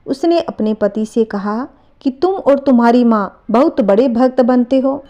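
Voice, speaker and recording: A woman narrating a devotional folk story in a steady, expressive way. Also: a little high, a little slow, dull audio.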